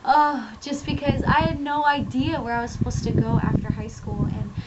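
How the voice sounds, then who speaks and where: A woman's voice: fairly high pitch, fairly even intonation, normal speed. A young woman from New England telling a personal story in a casual, rambling way with many fillers, on a webcam mic. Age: young adult. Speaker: vlogger. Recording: dull lo-fi with loud hiss.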